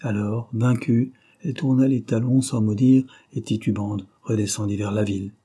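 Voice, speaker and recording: Husky, dark-voiced male narrator. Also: lowish voice, fairly even intonation, moderate pace. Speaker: audiobook reader. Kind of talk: scripted narration of a novel.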